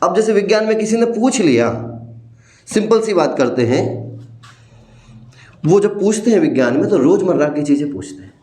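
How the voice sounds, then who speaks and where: A man's voice: high voice, lively intonation, moderate pace, pauses often, darkish tone. A male teacher giving a playful demo lesson, explaining step by step and calling his listeners "beta". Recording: echoey room.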